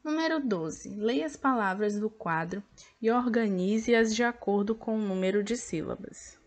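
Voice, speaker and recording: A woman teacher with a Brazilian Portuguese accent, patiently walking pupils through a workbook and sounding out each word clearly. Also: medium pitch, unhurried. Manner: patient, over-articulates words to count syllables. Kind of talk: slow classroom explanation of an activity book.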